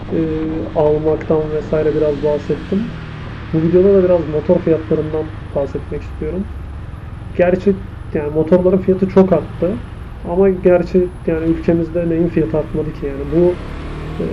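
Muffled man talking inside a helmet. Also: a little high. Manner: thinking aloud, commenting on the traffic. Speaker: motorcycle vlogger. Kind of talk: casual chat while riding. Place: outdoors on a moving motorcycle, inside a helmet. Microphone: microphone inside the helmet. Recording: muffled helmet mic, loud wind and engine noise. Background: wind, engine and traffic noise.

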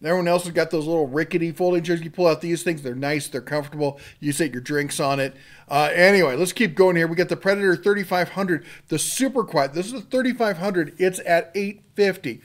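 A man's voice: a little high, a little fast. A middle-aged man hosting a tool channel, rambling through sale items in a folksy, casual way with lots of fillers and restarts. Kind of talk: casual product rundown.

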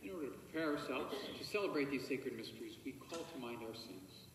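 A man leading Mass as priest, speaking formal liturgical prayers in a measured, intoning way in a large church sanctuary. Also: mid-range voice, expressive, recorded from a distance, background noise. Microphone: distant camera microphone. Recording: echoey church captured from afar.

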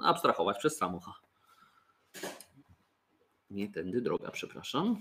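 A man's voice: fairly low pitch, very animated, a little slow, vocal fry, sharp tone. A man casually presenting board games, joking and often restarting his sentences. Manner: chatty, joking, with fillers and restarts. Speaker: toy company presenter.

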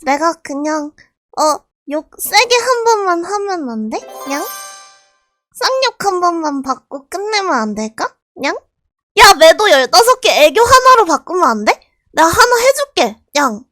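A woman streaming a game live, scolding and laughing at her viewers in a loud, shouty way. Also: very high-pitched, sing-song, measured pace, no room sound, faint music behind.

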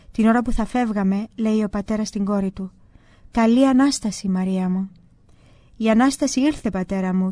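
A woman calmly reading a religious book aloud in the first person, in scripted narration. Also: mid-range voice, no echo. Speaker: audiobook reader.

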